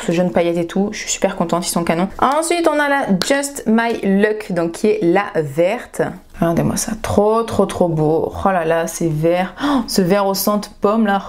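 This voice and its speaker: Young woman, casual beauty vlog, effusive, piles up repeated words, mid pitch, home camera mic. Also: darkish tone. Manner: gushing and enthusiastic, repeats words for emphasis. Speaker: beauty vlogger. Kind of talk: casual makeup haul vlog.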